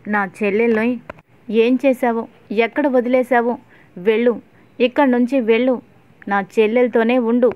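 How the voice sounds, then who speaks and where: A woman's voice: a little high, fairly even intonation, moderate pace, long pauses, close to an everyday voice. A woman voicing a stern young woman who confronts her sister's husband, on tinny phone-like audio. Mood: firm. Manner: firm, confronting.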